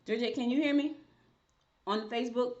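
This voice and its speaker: A woman's voice: fairly high pitch, normal speed, darkish tone, lo-fi sound. A woman hosting a casual live-stream interview, chatting to viewers as she goes. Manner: chatty, talks to viewers while fixing tech. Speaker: show host.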